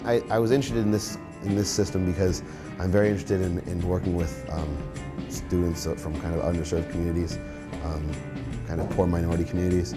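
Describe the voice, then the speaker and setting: A science teacher in his twenties speaks encouragingly in interview and classroom talk, restarting often and using plenty of fillers. His low, level voice moves fairly quickly over loud music.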